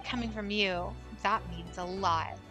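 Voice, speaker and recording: A woman voicing an anxious young man on trial in a game, speaking quietly and earnestly. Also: medium pitch, fairly even intonation, measured pace, over music, lightly acted. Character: anxious young male defendant lawyer. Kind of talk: voice-acting a game on stream.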